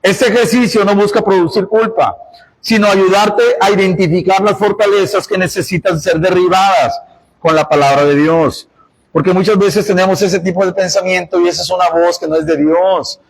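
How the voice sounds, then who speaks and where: A man's voice: high voice, fairly even intonation, normal speed, vocal fry, low-quality recording. A male pastor, preaching a sermon and exhorting the congregation. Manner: preaching, with quoted voices and emphatic exhortations.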